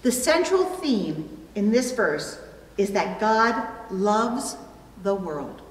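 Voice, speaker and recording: A middle-aged woman pastor delivers a sermon with illustrative stories from an indoor church pulpit, phrasing deliberately and pausing for emphasis. Her mid-range voice is unhurried and sing-song. Recorded from a distance, the hall is echoey with long reverb.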